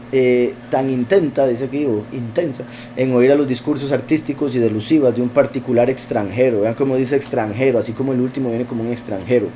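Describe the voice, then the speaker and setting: A man's voice: mid-range voice, warm tone, a little hiss or hum. A man teaching his congregation. He reads a text aloud and keeps breaking off to explain it in an informal, digressive way, with frequent hesitations. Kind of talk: conversational scripture teaching.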